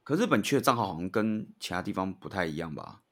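Man, Taiwanese Mandarin accent, slightly low voice, casual podcast co-host, bantering chat. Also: very animated, fast.

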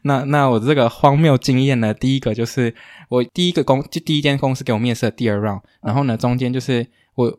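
Guy hosting a podcast, talks fast, rambly with quick asides, dry close mic. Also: mid-range voice, darkish tone, no room sound. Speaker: podcast host. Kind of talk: casual chat.

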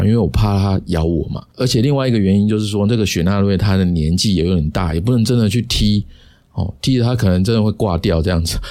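A man talks through a personal story on his solo podcast. His voice sits low, and his chatty delivery leans on drawn-out particles between phrases. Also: darkish tone. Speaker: podcast host.

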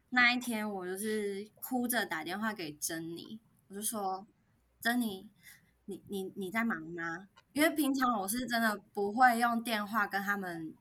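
A woman speaking Mandarin with a Taiwanese accent, gently telling a personal story in a casual podcast chat, with soft pauses and many fillers. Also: mid-range voice. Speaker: podcast co-host.

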